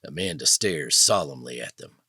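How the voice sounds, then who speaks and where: A man narrating an audio drama with dramatic, expressive storytelling. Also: a bass voice, normal speed, vocal fry, slightly rough, no room sound, clean studio sound. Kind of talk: scripted narration.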